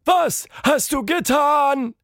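A bitter, easily enraged woman , as a male narrator puts her on, speaks in a strained, high register. Her voice has a gravelly crackle and snaps off each phrase sharply. The sound is close and dry, with no room around it. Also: unhurried, no room sound, heavily acted. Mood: furious. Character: grumpy furious grown woman, shut-in. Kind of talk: storybook character voice.

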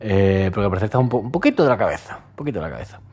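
A man co-hosting a podcast, chatting casually and telling stories with animated delivery. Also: very fast, husky. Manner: animated storytelling, bursts into high shouted impressions. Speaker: podcast co-host. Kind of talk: casual chat.

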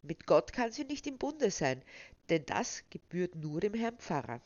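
A woman's voice: fairly low pitch, big pitch swings, a little slow, darkish tone, dry recording. A woman reading aloud, voicing a crowd of menacing village voices that press their warnings insistently. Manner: insistent, rising, hissing warnings. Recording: slightly dull, dry sound.

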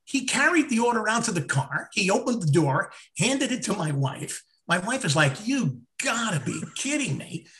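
A man co-hosting a casual chat podcast, telling stories in an animated way and acting out his own confusion. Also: high voice, moderate pace, hardly any pauses. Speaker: podcast co-host.

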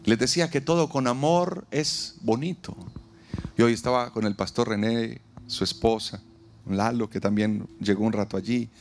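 A man preaching a sermon at an outdoor event, taking dramatic pauses and acting out the lines he quotes. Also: mid-range voice, a little hiss or hum. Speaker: pastor.

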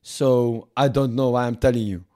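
A man plays a pompous French investor in a comedy podcast bit, laying down terms in a thick put-on French accent. His voice sits at an ordinary middle pitch, and he bosses and haggles. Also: steady tone, moderate pace, warm tone, lightly acted. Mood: bossy. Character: bossy French male investor making a deal. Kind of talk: comic podcast role-play.

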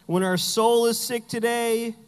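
A man's voice: very high-pitched, steady tone, measured pace, clear, resonant tone, big-room sound. A man preaching a sermon as pastor, telling Bible stories with humor and acting out the characters.

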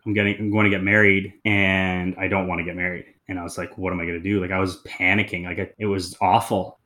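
Guy in his 30s opening up in an interview, loose and honest, lowish voice. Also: a bit bright. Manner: candid, reflective, loose and conversational. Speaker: interview guest. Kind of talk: personal storytelling in conversation.

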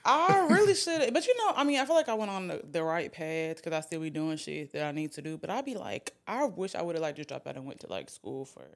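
A woman's voice: low-pitched, lively intonation, a little fast, hardly any pauses. A young woman hosting a podcast, chatting casually, swearing and laughing a lot. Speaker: podcast host. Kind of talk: casual chat.

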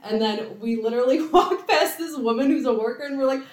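Young female co-host, casual anecdotes, a bit high-pitched, roomy sound. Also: fast. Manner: chatty storytelling, heavy use of "like". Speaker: podcast co-host. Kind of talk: casual chat. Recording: echoey room.

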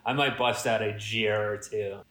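A man's voice: fairly low pitch, fairly even intonation, normal speed, fairly bright tone, echoey room. A man co-hosting a comedy podcast in casual improvised chat, with a jokey mock-regal manner. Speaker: podcast co-host.

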